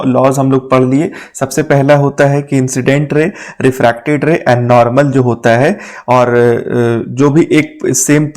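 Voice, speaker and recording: A man's voice: medium pitch, a little mellow. A man teaching physics for an exam, talking casually, mixing English terms into Hindi and often checking "है ना?". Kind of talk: exam-prep lecture. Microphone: writing on a board while talking.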